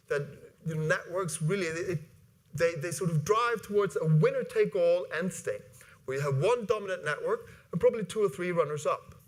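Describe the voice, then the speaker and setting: A man in his forties from Iceland, giving an animated conference talk from a stage, with many fillers and restarts. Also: sits high, slightly rough. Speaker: conference speaker. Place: large conference hall with audience. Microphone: lapel mic.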